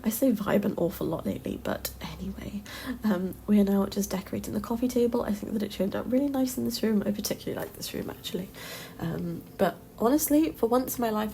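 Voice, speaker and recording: Recording at home on a voiceover mic, a Sims builder and content creator talks casually over her game build in a medium-pitched, gravelly voice. She's a bit nasal from hay fever and rambles with lots of ums and quiet laughs, against slight hiss or hum and traffic outside.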